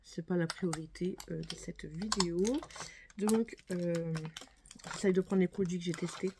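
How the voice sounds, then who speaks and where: A woman's voice: fairly low pitch, steady tone, measured pace, noisy background. A young woman chatting casually to camera as a beauty vlogger, full of fillers and restarts. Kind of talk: casual makeup review to camera.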